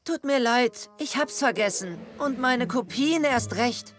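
A confident young boy superhero from a cartoon, high-pitched and animated. The delivery is energetic and emphatic, with music behind. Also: unhurried. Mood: worried, remorseful. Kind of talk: German cartoon dub acting.

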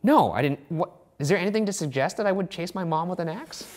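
A man co-hosting a true-crime show, teasing his partner and reacting with quick laughs. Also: high-pitched, expressive. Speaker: co-host. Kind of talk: joking true-crime banter.

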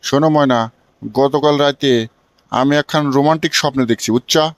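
A man's voice: medium pitch, fairly even intonation, unhurried, gravelly. A man playing a foolish, boastful, lovestruck young villager in a comic cartoon, emphatic and colloquial, with a Bangladeshi regional accent. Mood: dreamy, boastful. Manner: emphatic, keeps checking he is understood.

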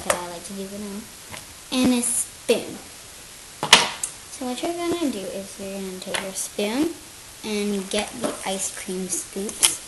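A female host chatting through a casual cooking demonstration at a kitchen table, hesitant with frequent ums. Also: medium pitch. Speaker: host of a home cooking video. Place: home, at a kitchen table indoors. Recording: noisy home camera recording.

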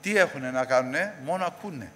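Male preacher, bright forceful tone, slightly high voice, long church reverb, faint hiss, call-and-response sermon delivery. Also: expressive. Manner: rising to emphatic call-and-response questions, then dropping low.

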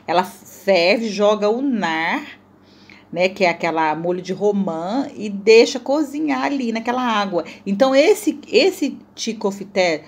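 A woman's voice: mid-range voice, animated, measured pace, breathy edge. A woman from Brazil with a Brazilian Portuguese accent, narrating her cooking video in a chatty, playful, self-mocking way and addressing viewers often. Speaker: cooking vlogger.

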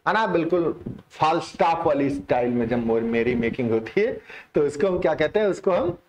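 A man's voice: fairly high pitch, animated, moderate pace. Chatty man teaching vocabulary. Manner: explains in Hindi mixing English terms, chatty and repetitive. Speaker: English teacher. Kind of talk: online exam-prep lesson.

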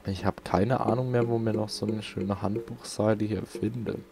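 Over game music, a man with a southern German accent provides relaxed, colloquial commentary on his let's play, muttering to himself along the way. His voice is lowish and creaky, with a steady tone and normal speed.

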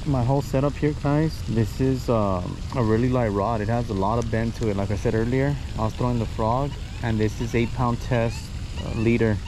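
A man's voice: medium pitch, normal speed. A man casually explaining his fishing technique step by step to viewers while on a lake shore. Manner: chatty, explains step by step, addresses viewers as guys. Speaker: fishing vlogger. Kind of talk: casual instructional talk to camera. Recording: outdoor recording with clear background noise.

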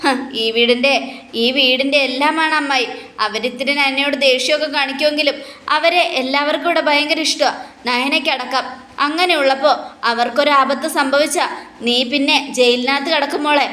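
A suspicious young woman, sharp and accusing, read out by a woman recapping a serial. Her voice is high, with a roomy echo around it. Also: steady tone, moderate pace.

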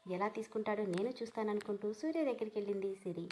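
A woman storyteller reading a written story aloud. Her delivery is steady and measured, a plain read-aloud narration. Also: mid-range voice, a little hiss or hum. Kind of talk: scripted narration.

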